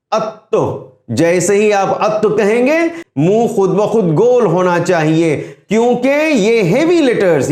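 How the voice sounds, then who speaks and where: A man teaching Quran pronunciation, explaining the letter sounds patiently and drawing them out slowly to demonstrate. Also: sits high, darkish tone. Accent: Urdu. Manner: slow, deliberate, drawn-out demonstration of letter sounds. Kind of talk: tajweed pronunciation lesson. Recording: echoey room.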